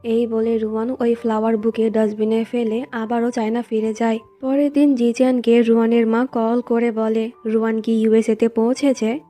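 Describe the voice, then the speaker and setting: Woman narrator, higher-pitched and mellow, plain story recap with faint music underneath. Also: level tone, moderate pace. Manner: plain recounting, reads quoted lines in the same voice.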